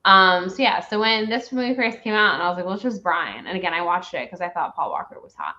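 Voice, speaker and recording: A woman's voice: fairly low pitch, expressive, fast, sharp tone. Woman rambling thru a casual movie review, super opinionated n emphatic, kinda dull lofi audio. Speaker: host of a movie review show. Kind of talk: casual chat, ranting film review. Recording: dull lo-fi recording.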